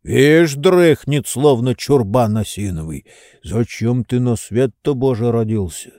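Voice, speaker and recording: A man putting on a stubborn old servant, grumbling and coaxing in a slow, drawn-out way. The voice is mellow and close, with no room sound. He nags on with dogged persistence. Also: medium pitch, lively intonation, no echo, lightly acted. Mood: muttering. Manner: slow, coaxing, muttering complaints. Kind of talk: audiobook character voice.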